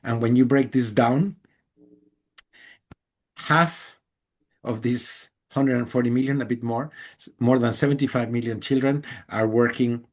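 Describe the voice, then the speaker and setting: A journalist from Guatemala, answering interview questions earnestly and emphatically with small laughs. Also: male voice, medium pitch, steady tone, a little slow, pauses often. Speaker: journalist and guest.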